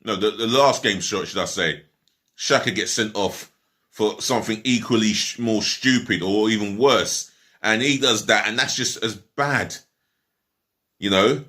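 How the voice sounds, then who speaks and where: A man's voice: on the low side, unhurried, pushed and bright. A man giving a casual, rambling football match review, blunt and swearing freely, sometimes talking with his mouth full. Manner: talks while eating.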